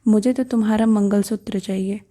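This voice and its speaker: A woman's voice: mid-range voice, steady tone, brisk, dark tone, close to an everyday voice. A woman voicing a drunken, greedy, abusive husband in a read-aloud story, coaxing and then harsh.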